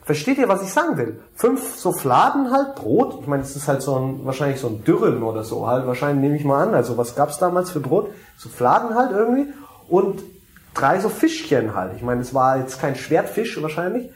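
A man's voice: a little high, sing-song, normal speed, echoey room. A man preaching a sermon, talking to the congregation casually, asking them questions and dropping in English phrases.

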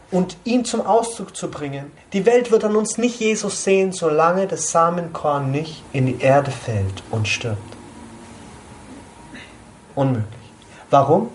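A man's voice: sits high, a little hiss or hum. A man giving an informal sermon to a small group, conversational, often asking his listeners questions. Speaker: preacher at a small church group.

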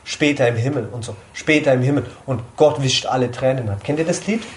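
A man's voice: medium pitch, a little fast, slight background noise. A man giving an informal sermon to a small group, conversational, often asking his listeners questions. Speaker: preacher at a small church group.

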